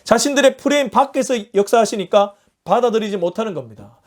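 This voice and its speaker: A man's voice: high-pitched, lively intonation, fast talker. A male pastor giving a morning sermon, reading scripture verses and explaining them earnestly in plain, everyday terms. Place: church or small studio for an online morning service.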